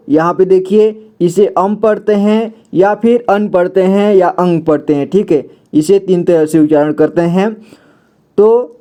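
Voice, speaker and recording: A man gives a patient beginner's alphabet lesson and often checks back with the listener. His voice sits high for a man yet sounds mellow. He talks slowly and draws out each sound. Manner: patient, repeats "theek hai" often, drawn-out sounds. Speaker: Hindi teacher. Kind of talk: alphabet lesson explaining pictures.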